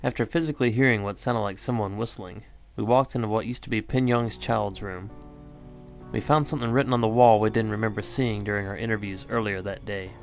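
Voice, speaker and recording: A man reads scripted paranormal documentary narration in a fairly low voice with plenty of gravelly creak. Guitar music plays behind him. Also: fairly even intonation, fairly quick. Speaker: narrator and investigator.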